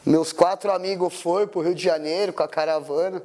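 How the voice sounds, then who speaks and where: A middle-aged man with a São Paulo accent recounts a personal memory in an interview. His voice sits high for a man, and he tells it in an emotional, slangy way. He acts out the quoted lines of the people in the story. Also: brisk. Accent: São Paulo Portuguese. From Brazil. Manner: emotional, animated, slangy retelling with acted-out quotes.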